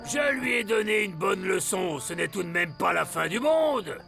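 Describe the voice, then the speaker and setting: A man voicing a boastful, mean, grumpy old fisherman in a French children's cartoon, gloating and shouting with a gravelly voice. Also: high voice, lively intonation, normal speed, over music. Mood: scornful. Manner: gloating, shouting, speaks of himself grandly.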